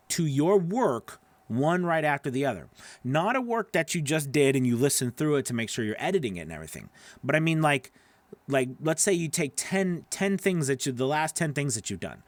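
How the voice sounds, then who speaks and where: A middle-aged man with a slightly high voice hosts a casual advice session, answering live viewers' questions as a voice-over coach; he's emphatic and frequently checks in with his listeners. He works from a small indoor home studio, close on a boom-arm broadcast microphone, and the sound has no echo.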